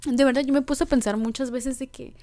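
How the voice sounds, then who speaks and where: A woman's voice: high-pitched, fairly even intonation, a little fast, dark tone. A young woman with a Mexican Spanish accent, hosting a candid, casual podcast monologue full of slang and fillers. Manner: slangy, candid, many fillers and repeated words. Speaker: podcast host.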